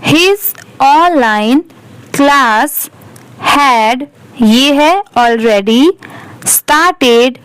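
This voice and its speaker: A woman with an Indian accent teaching English reading, spelling out words letter by letter and repeating each one slowly. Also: high-pitched, clear, resonant tone, no room sound, low-quality recording. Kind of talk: slow word-by-word reading lesson.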